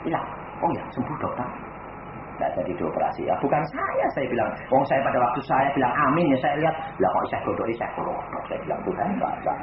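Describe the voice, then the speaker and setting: An older man preaching a sermon, swinging from quiet low asides to loud emphatic passages. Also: wildly swooping pitch, quick pace. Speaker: evangelist preacher. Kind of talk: sermon with anecdotes. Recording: echoey, tinny phone-like, noisy recording.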